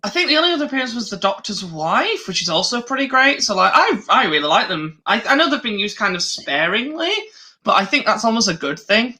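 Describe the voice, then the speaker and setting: A man's voice: sits high, sing-song, brisk, sharp tone. A man co-hosting a podcast in casual chat, giggly and prone to losing his train of thought. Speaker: co-host.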